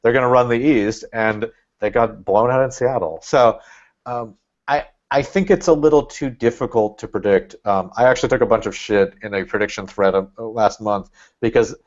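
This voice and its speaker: A Red Bulls fan appears as a podcast guest, talking casually in a mid-range male voice at a moderate pace. He rambles and thinks out loud, dropping in plenty of fillers. The recording sounds dull and lo-fi.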